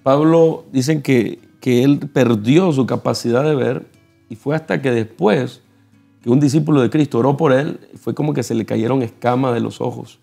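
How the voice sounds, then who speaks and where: A man with a Nicaraguan Spanish accent, a pastor explaining scripture in a measured, teaching tone on a television panel. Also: medium pitch, creaky. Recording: soft guitar music behind.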